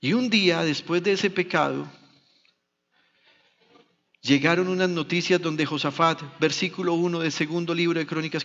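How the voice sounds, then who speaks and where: A Colombian man preaches a sermon, acting out the voices in biblical stories. His voice sits a little high. The sound is muffled and carries a long church reverb. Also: a bit bright. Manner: dramatic storytelling, acting out biblical dialogue. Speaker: pastor.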